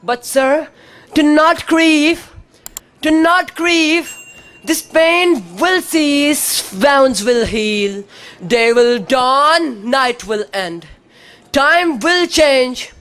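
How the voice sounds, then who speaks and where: A woman with a Pakistani accent declaims in a high-pitched voice. Her elocution is precise and deliberate, broken into short, emphatic phrases. The delivery is theatrical, like a formal declamation contest speech. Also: fairly bright tone. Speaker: student competitor in a declamation contest.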